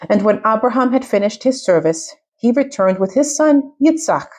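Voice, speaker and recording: A woman reading scripture aloud with measured, steady narration. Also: on the high side. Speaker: scripture reader.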